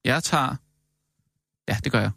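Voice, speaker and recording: A man's voice: medium pitch, creaky, pushed and bright, no echo, clean studio sound. A man co-hosting a comedy show, playfully needling his partner with questions. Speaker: satirical co-host. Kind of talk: comedic political banter.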